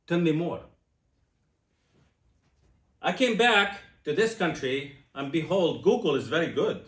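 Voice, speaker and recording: A man in his sixties gives a slow, personal testimony speech to an audience. His pitch swings widely, and he keeps turning to the listeners with questions. The sound carries the echo of a room. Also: animated, fairly bright tone. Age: 60s. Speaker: speaker.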